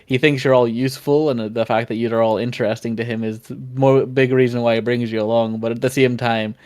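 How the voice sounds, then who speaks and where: Mid-pitched man chatting through a tabletop game. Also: steady tone, fairly quick, darkish tone. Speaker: tabletop role-playing player. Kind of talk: casual game chat, explaining character motives.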